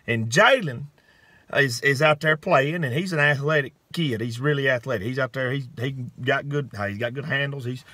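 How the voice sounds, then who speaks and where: Folksy male storyteller, bright voice, dry close sound. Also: medium pitch, no echo. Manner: folksy, drawn-out, frequent "okay?" asides. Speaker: host. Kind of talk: comedic storytelling monologue.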